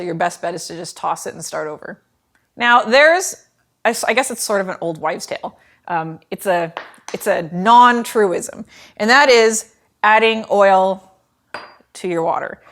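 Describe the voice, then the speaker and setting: In a home kitchen, a woman in her thirties hosts an informal cooking lesson, talking in a lively, chatty way peppered with fillers. She has a gravelly, mid-range voice.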